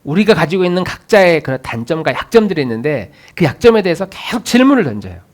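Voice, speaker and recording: Animated male pastor preaching. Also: a little high, fast talker. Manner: emphatic, swings from loud urging to soft musing asides. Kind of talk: sermon. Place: church sanctuary.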